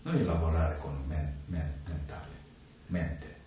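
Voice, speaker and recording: A man giving an informal talk on the mind, speaking in halting, simple phrases and often checking in with a questioning "no?" after his points. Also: rumbling low, mellow. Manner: halting, simple non-native grammar, keeps adding "no?". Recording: echoey room, distant mic, faint noise.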